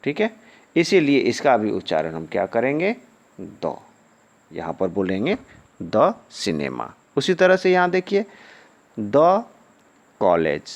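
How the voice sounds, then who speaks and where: A male teacher giving a lesson. He asks the class questions, answers them himself with a low falling word, and drills pronunciation syllable by syllable. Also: creaky, dull audio. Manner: sing-song, swooping intonation.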